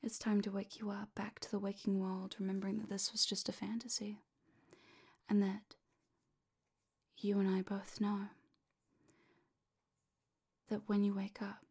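Breathy whispering woman with vocal fry. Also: medium pitch, completely flat delivery. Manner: soft, slow, commanding whisper. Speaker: hypnosis audio creator. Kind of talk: whispered hypnosis roleplay.

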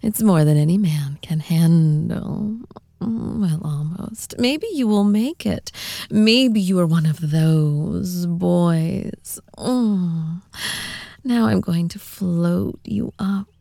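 A woman voicing a dominant, teasing supernatural seductress in an intimate ASMR role-play, breathy and hushed, right in the listener's ear. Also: fairly low pitch, slow, no room sound, clean studio sound. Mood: seductive, teasing. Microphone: very close microphone.

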